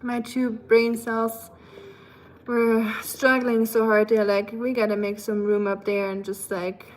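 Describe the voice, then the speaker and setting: A young woman speaking with a German accent runs a livestream, slowly reading viewer messages aloud in a fairly high, flat voice. Still, she's chatty and playful, laughing often and throwing in asides.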